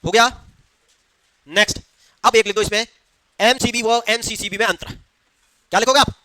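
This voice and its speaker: Man, teacher, classroom lecture, quizzing students, bright voice, dry close sound. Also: sits high, moderate pace, no room sound. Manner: quizzes the class, answers his own questions.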